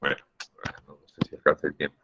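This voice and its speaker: A man's voice: fast talker, sharp tone, lo-fi sound, slight background noise. A man teaching an online class, patiently explaining step by step and putting questions to the students. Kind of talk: online class on Spanish grammar. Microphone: computer mic on a video call.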